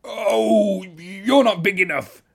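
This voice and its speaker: A man voicing a shrill, bad-tempered, boastful little ladybird that screeches and shouts in a storybook reading. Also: slow, gravelly, husky, exaggerated voice. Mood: shouting challenge.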